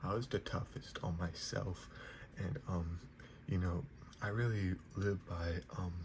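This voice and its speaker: A young man giving a whispered ASMR pep talk in a soft, reassuring manner. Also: low voice, fairly even intonation, measured pace. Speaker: ASMR creator giving positive affirmations. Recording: noisy, clear background hiss.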